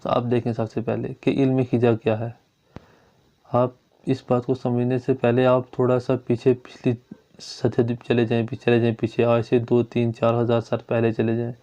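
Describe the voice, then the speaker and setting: A man's voice: medium pitch, monotone, mellow. A man teaching a grammar lesson. He explains step by step and repeats his points. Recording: dull lo-fi recording.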